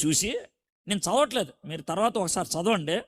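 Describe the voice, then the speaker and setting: A middle-aged man preaching a storytelling sermon, quizzing the audience and acting out the scenes with animated delivery. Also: high voice, a little fast.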